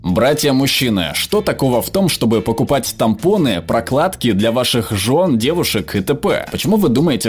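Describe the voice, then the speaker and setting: A man reading viewer comments aloud as scripted narration, voicing the quoted people as he goes. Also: mid-range voice.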